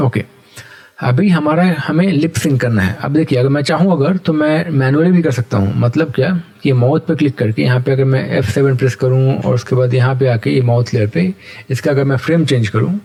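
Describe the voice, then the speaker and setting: A man teaching animation software step by step in a patient, explanatory way, often checking in with his viewers. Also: mid-range voice, fairly quick. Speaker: animation tutor. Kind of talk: screen-recorded software tutorial.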